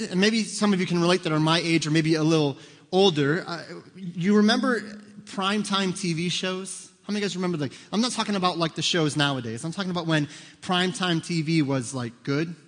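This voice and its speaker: A pastor in his thirties delivers a conversational sermon in a church auditorium, cracking jokes and quizzing the congregation. His voice runs a little high with a fairly bright tone, and the hall gives a long reverb.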